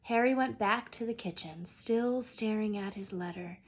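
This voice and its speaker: A woman's voice: mid-range voice, normal speed, breathy edge. A woman reading a children's story aloud expressively, as a teacher would.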